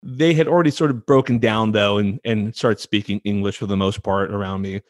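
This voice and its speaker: A man's voice: on the low side, fairly quick, no echo. A chatty American man, about thirty to forty, raised in the San Francisco Bay Area, talking casually as an interview guest and often repeating words as he starts a thought. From United States, San Francisco Bay Area.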